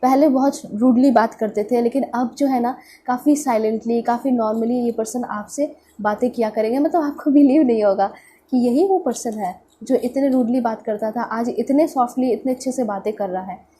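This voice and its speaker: A woman's voice: on the high side, moderate pace, dark tone, slight background noise. Nasal, stuffed-up Indian woman reading tarot. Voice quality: nasal, stuffed-up as with a pinched nose. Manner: mixes in English words, repeats check-in phrases. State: congested with a cold. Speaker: tarot reader. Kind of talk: informal tarot reading to viewers.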